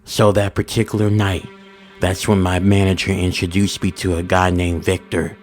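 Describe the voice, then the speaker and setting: Deep-voiced man narrating a horror story. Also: moderate pace. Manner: steady, ominous storytelling, informal grammar. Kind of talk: first-person scripted horror narration.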